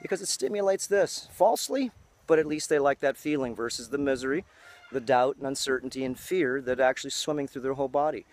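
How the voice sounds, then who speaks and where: A man's voice: medium pitch, a little fast, a little hiss or hum. A man in his fifties giving an outdoor lecture on a farm, often adding "okay?" after his points. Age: 50s.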